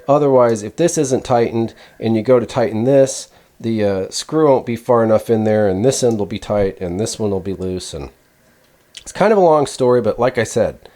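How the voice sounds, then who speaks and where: The dark-toned, lowish voice of a man hosting a radio gear review channel carries lively intonation at normal speed. He rambles casually through a hands-on demonstration, musing aloud, in a dry recording.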